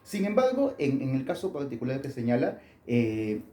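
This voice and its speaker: A man's voice: mid-range voice, very animated, normal speed, dark tone, echoey room. A man, an author answering interview questions in a thoughtful way with many fillers and restarts.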